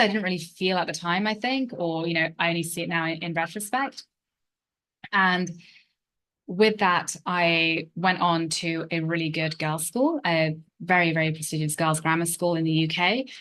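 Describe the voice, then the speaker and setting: A woman in her thirties, a relationship coach, telling her life story in a reflective way full of fillers. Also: lowish voice. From England. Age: 30s. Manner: reflective, hedging with many fillers. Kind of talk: personal story monologue.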